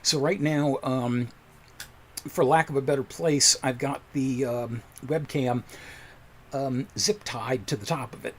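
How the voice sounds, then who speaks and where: A man's voice: mid-range voice, fairly even intonation, a little slow, a little hiss or hum. Rambling man chatting on a home stream. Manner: rambling, chatty, self-deprecating. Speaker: livestream host. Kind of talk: casual livestream chat. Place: home computer desk room. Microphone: desk microphone.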